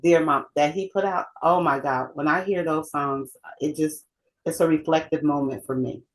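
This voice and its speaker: A woman's voice: deep voice, fairly even intonation, moderate pace, poor audio. A middle-aged woman co-hosting a heartfelt conversation, reflective and emphatic, often repeating herself. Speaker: co-host.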